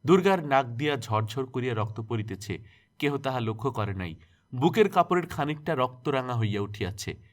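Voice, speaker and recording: A man reading a classic novel aloud as an expressive storyteller. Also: mid-range voice, moderate pace. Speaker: story narrator.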